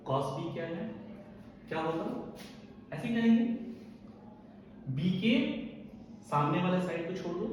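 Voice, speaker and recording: A male physics teacher with a fairly high voice works through a formula at the board, stopping every few lines to check that his students are following. He sounds a little distant from the mic in a very echoey room with a long reverb tail. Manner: explains step by step, checks in often. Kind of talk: classroom lecture at a board.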